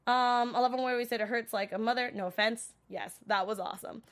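A woman getting over a cold chats on a livestream, rambling with lots of fillers. Her voice sits a little high. She wanders between thoughts in a loose, casual way. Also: fairly even intonation, fairly quick. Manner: chatty, rambling, filler-heavy. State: recovering from a cold, coughing. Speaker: livestream show recap host. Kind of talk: casual chat reacting to viewer comments.

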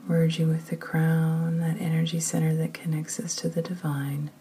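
A woman leading a guided meditation in a soft, often whispered, slow and soothing voice. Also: deep voice, monotone, slight background noise.

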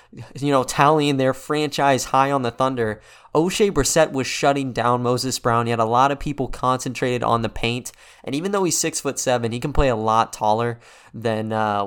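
A man hosting a sports podcast, giving a casual, conversational game recap in a quiet but clear voice. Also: mid-range voice. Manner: conversational, loosely unscripted. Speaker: podcast host.

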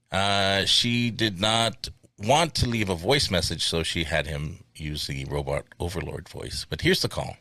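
A man's voice: deep voice, pushed and bright, no echo. A man hosting a podcast, introducing clips and calls with dry, wry remarks. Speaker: podcast host and producer. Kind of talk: casual chat.

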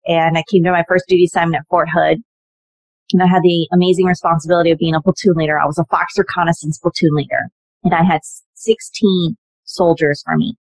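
A woman's voice: fairly low pitch, fast talker, husky, dry recording. A woman in her forties, an Army officer, telling stories as an interview guest and acting out quoted dialogue. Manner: animated, acts out quoted dialogue with lively voices. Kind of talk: conversational interview storytelling.

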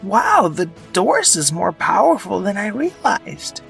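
A man doing an excited little shark boy. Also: slow, creaky, full character voice. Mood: eager. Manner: high, excited, breathless delivery. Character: eager little walking shark boy hero. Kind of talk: storybook character voice. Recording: voice a bit far from the mic, faint music.

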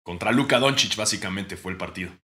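A young man with a Mexican accent chats casually as a podcast co-host. His voice is bright and sits fairly low, and he jokes a lot, sometimes breaking into loud mock outrage. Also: quick pace. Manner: joking, bursts into mock shouting. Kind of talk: casual chat.

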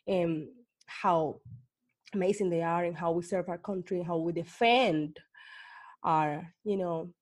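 A woman's voice: on the low side, measured pace. A woman from Colombia, hosting an interview and asking earnest, searching questions with many fillers. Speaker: host. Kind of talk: conversational interview.

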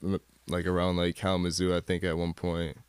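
A man's voice: sits low, monotone, fairly quick, clean tone, dry recording. A young man from Michigan, a guest in a casual interview, talking in a rambling way with lots of fillers and restarts. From Michigan, USA. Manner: rambling, many fillers and self-corrections.

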